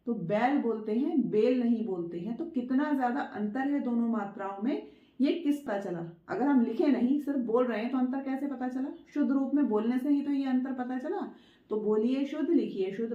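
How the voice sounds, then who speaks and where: A woman teaching a writing lesson, patient and repetitive, stretching words out slowly syllable by syllable to show how they sound. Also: on the high side, reverberant, phone-quality sound. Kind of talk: Hindi dictation lesson.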